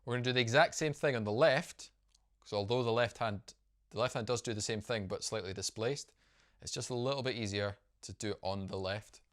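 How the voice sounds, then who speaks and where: Drum teacher, man, lowish voice, friendly upbeat explainer who counts beats aloud. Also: fairly quick, a bit bright. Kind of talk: instructional video lesson.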